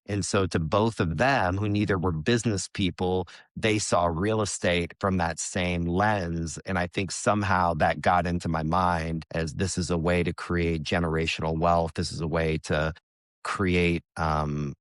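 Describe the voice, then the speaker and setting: Appearing as a podcast guest, an American real estate investor talks candidly in a low, deep voice, loose and conversational with the occasional swear word. His intonation is fairly even and his pace unhurried, recorded close and dry with no room sound, in a casual interview.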